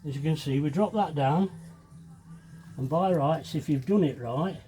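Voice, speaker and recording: In a rough recording with music in the background, a man with a slightly high voice talks at a normal speed while showing how to fibreglass. He's chatty and pokes fun at himself as he works things out aloud, a bit sniffly with a cold.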